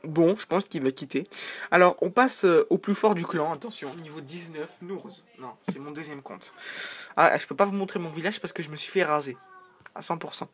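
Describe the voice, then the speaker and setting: A man's voice: a little high, moderate pace, fairly bright tone. A man giving casual, joking commentary over a video game, rambling into side remarks. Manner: chatty, joking, rambling asides.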